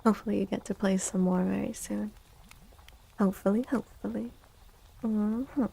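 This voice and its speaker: Speaking right up against a close mic, this livestream host keeps a gentle ASMR tone that occasionally slips into breathy whispering. Her voice is medium-pitched, steady and normally paced, and the recording sounds rough.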